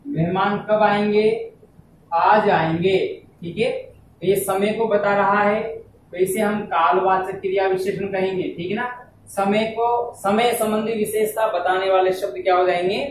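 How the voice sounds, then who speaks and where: A man teaching a classroom lesson, speaking slowly and repeating words and phrases so students can write them down. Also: sits high, steady tone, echoey room, far from the mic, background noise. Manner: keeps saying "ab dhyan dena" to draw attention. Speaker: Hindi grammar teacher.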